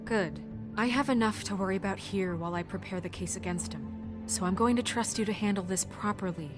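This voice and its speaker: A woman's voice: medium pitch, over music, lightly acted. Firm, formal woman official, played by an actress. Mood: firm, urgent. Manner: formal, measured, insistent. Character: principled, serious woman official, firm and urgent. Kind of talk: video game acting.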